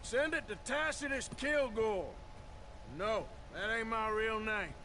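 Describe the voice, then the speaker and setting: A dry, laconic outlaw. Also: male voice, high voice, lively intonation, takes it slowly, bright, forceful tone, slight background noise, full character voice. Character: wry male outlaw, dry humor. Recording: game audio over clear music.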